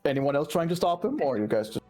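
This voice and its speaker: A man's voice: fairly high pitch, very animated, quick pace, darkish tone, soft background music. A man acting as game master, narrating a tabletop role-playing game and talking casually with players.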